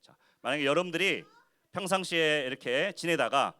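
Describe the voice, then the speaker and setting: A man giving a children's sermon as pastor in church, animated and constantly asking the kids questions. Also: a little high, a little fast, smooth. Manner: acts out quoted speech in short voices. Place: church worship service for children.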